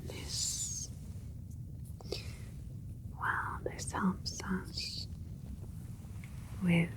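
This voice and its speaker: A woman whispers as a kind alien doctor-scientist in a sci-fi ASMR roleplay, her breathy voice calm and pleased. She speaks soothingly in slow, halting phrases, though the audio quality is poor.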